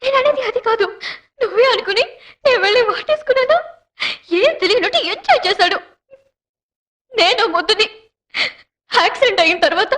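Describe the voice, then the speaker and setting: A woman's voice: extremely high pitch, a bit bright. A woman dubbing a devoted, emotional young wife in a film, pleading and earnest. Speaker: dubbing actress. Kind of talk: Telugu film dub.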